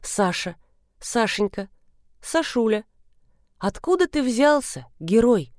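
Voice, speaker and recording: A woman reader voicing a mocking, playful young woman with a sharp tongue, recorded dry and close. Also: on the high side, very animated, takes it slowly, dry recording, pitched above the performer's own voice. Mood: teasing.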